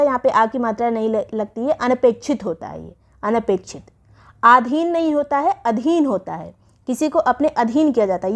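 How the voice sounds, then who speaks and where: A woman's voice: fairly high pitch, darkish tone. A woman teacher giving an exam revision lesson, explaining spellings step by step and repeating each word.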